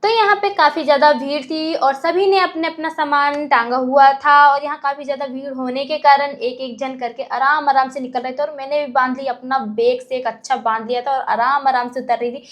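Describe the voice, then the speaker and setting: A young woman narrating her travel vlog as a lively, chatty voice-over. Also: sits high, fairly quick, few pauses. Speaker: vlogger.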